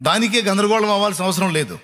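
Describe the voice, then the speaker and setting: A man with a notably high-pitched voice preaches a sermon. He drives each point home through repetition and keeps throwing pointed rhetorical questions at the congregation. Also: fast, fairly bright tone. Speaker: pastor.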